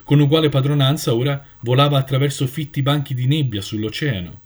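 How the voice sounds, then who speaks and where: A man reading a story aloud with dramatic, expressive narration. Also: mid-range voice, fairly quick.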